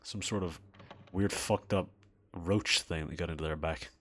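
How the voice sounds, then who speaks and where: A man's voice: sits low, steady tone, normal speed, a bit bright, no echo. A man giving casual commentary while playing a video game, laid-back, chuckling often and swearing casually. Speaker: let's play host. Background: faint game music.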